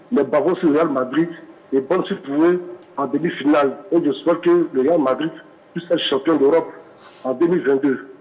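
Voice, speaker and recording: Emphatic male caller on a dull line. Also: on the high side. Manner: emphatic, rhetorical questions. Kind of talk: phone-in football opinion.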